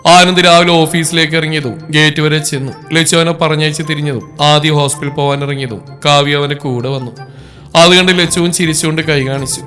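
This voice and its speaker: A man narrates a story in a steady, even reading voice, pitched a bit high for a man. Soft music plays faintly beneath his voice.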